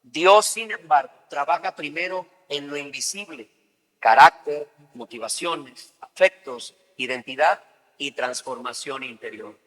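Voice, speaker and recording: Male pastor, fairly high voice, chatty sermon delivery, long hall reverb. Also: unhurried, fairly bright tone. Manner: conversational, acts out everyday scenes.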